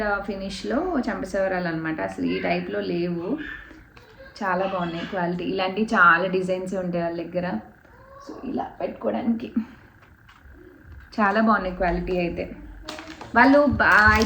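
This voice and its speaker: A woman chatting casually in a home vlog as she shows off a parcel, slipping English fillers into her talk. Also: mid-range voice. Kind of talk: casual show-and-tell vlog. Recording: roomy home room with faint background noise.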